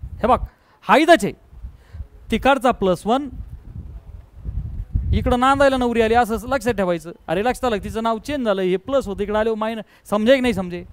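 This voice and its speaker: A man's voice: sits high, moderate pace, long pauses, clear, resonant tone, poor audio. A man teaching math to a classroom, firing questions at students and mixing in English terms. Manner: drills students with call-and-response questions. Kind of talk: classroom lecture.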